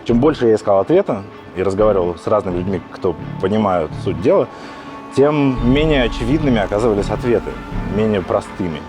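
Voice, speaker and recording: A man, the journalist host, narrating a documentary in a measured, reflective way and asking questions. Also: on the low side, lively intonation. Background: music.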